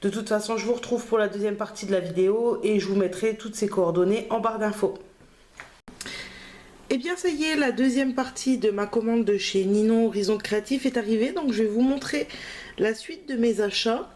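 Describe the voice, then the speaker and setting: A woman's voice: fairly high pitch, moderate pace, a little mellow. A woman crafting vlogger, talking in a casual, hesitant way with many fillers as she shows her purchases. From France. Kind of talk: casual haul video.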